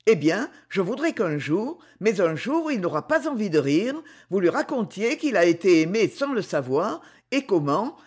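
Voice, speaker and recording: A reader voicing a charming young courtesan who speaks softly and pleads with tenderness in a French storybook reading. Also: mid-range voice, husky.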